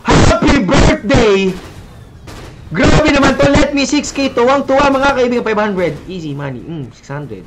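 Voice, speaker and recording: A young man with a Filipino accent commentating a live esports match, chatty and mixing English with Tagalog, getting excitable on big plays. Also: medium pitch, a little hiss or hum. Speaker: esports caster. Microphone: headset mic, stepping back from it.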